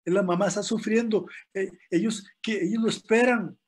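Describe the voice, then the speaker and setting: A man's voice: sits high, fairly even intonation, moderate pace, breathy edge, pitched above the performer's own voice. A man doing a desperate worker begging rescuers. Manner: pleading, insistent.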